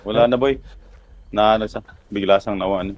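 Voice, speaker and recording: A man with a fairly low voice chats casually with friends over an online game. He sounds relaxed as he calls out directions to his teammates. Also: fairly quick. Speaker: gamer playing with friends. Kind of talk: casual gaming chat.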